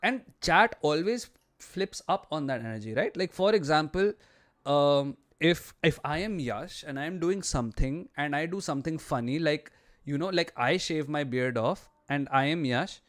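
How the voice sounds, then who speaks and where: A thirty-year-old man with an Indian accent chats casually on a livestream in a lax, mellow, low-energy way, slipping Hindi phrases into his English. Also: moderate pace. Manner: low-key, relaxed, lax, low-energy delivery. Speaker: live streamer. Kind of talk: casual chat with viewers on a livestream.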